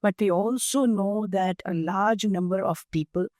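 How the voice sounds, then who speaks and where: An older woman with an Indian accent, speaking as a guest in an interview, measured and emphatic as she explains through lists of examples. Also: mid-range voice, darkish tone, no room sound, clean studio sound. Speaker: guest, nonprofit founder. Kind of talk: interview conversation.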